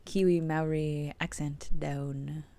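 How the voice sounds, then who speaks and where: A young adult woman streaming a puzzle game, murmuring her thoughts aloud and cooing softly to her cat between moves. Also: low-pitched, level tone, slow. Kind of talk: casual gameplay chat.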